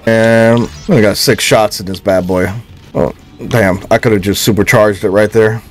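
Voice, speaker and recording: A man casually commentating his own horror game play for viewers, excitable and quick to exclaim. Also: lowish voice, soft background music. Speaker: gaming streamer.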